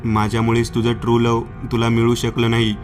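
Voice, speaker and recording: Remorseful woman of seventy, read by a man, horror storybook, slow, sorrowful, monotone, faint music. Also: medium pitch, close to an everyday voice.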